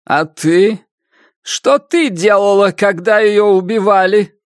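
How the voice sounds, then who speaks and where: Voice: medium pitch, slow, no echo, studio quality, pitched above the performer's own voice, natural voice. An audiobook narrator voicing a harsh, spiteful old woman, a village witch, with a cutting tone. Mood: harsh, scornful. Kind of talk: audiobook reading.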